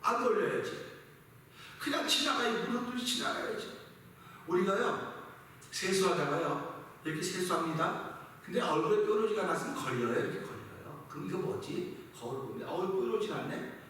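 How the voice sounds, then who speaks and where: 교회 예배에서 설교하는 남자 목사로, 대사를 연기하듯 섞고 수사 의문문을 던집니다. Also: male voice, sits high, big pitch swings, normal speed, fairly bright tone, slight background noise. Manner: preaching with acted dialogue and rhetorical questions. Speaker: pastor. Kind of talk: sermon. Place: church sanctuary. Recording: echoey church hall, mic at distance.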